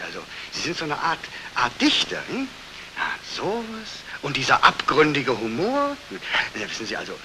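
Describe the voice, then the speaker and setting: An actor playing a jovial, condescending older army colonel, breezy and patronizing, in 1940s film acting. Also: male voice, mid-range voice, natural voice. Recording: hissy old 1949 film soundtrack.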